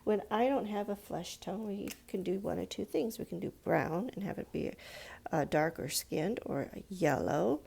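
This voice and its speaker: Guiding young students through a casual drawing lesson, this art teacher speaks at a normal speed in a mid-range voice that is creaky, mellow and slightly rough. She breaks each step down simply and patiently, checking in with questions.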